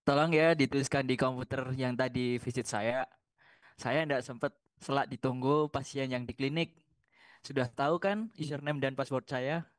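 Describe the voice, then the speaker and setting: A student doing a brusque busy doctor, very deep. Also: female voice, normal speed, dry recording. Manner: casual, matter-of-fact reading. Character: busy doctor rushed by patients. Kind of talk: role-play reading in class.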